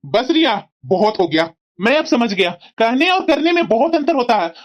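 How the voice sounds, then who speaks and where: A woman's voice: sits high, lively intonation, fairly quick. A woman voicing a stern young cartoon husband. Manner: lecturing, firm and reproachful. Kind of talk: cartoon family drama voicing. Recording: dull lo-fi sound.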